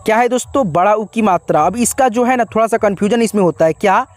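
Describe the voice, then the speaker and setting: A man's voice: high-pitched, fast talker, no echo. A man teaching a spelling lesson in a patient, repetitive way, asking questions and answering them himself and calling his viewers friends. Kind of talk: classroom-style spelling lesson.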